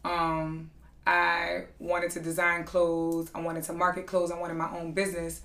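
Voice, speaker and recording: A woman's voice: fairly low pitch, unhurried. A young woman, an aspiring singer speaking candidly as a guest in a casual interview. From New Orleans. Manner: candid, animated storytelling. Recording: echoey room.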